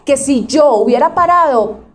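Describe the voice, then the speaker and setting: A woman's voice: high voice, animated, moderate pace. A woman pastor preaching conversationally, often asking the audience questions and acting out quotes. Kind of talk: sermon.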